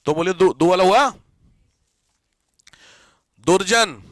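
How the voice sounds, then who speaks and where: A man teaching a Hindi grammar class, often checking that students follow and repeating key words slowly so they can write them down. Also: sits high, no echo. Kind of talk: live classroom lesson.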